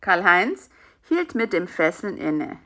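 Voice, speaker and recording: Lively woman reading a children's story. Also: lowish voice, takes it slowly.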